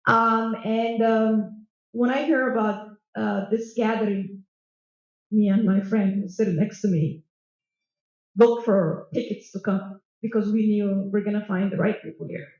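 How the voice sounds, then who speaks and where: A woman's voice: medium pitch, steady tone, a little slow, darkish tone. A woman from Minnesota speaking from the audience at a panel discussion, earnest and rambling, with many restarts. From USA (Minnesota). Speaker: audience member. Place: lounge at a press club, indoors. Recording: echoey room, dull sound.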